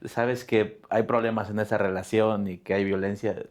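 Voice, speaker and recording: A man hosting a podcast interview, asking measured questions and agreeing with his guest. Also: fairly low pitch, flat delivery. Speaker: podcast host.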